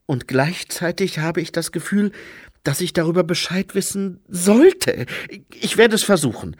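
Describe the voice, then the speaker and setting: A bewildered young man, earnest and full of questions, voiced close to the reader's own tone by a man reading an audiobook. The delivery is slow and husky with lively pitch movement, in a dry close recording. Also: no room sound, heavily acted.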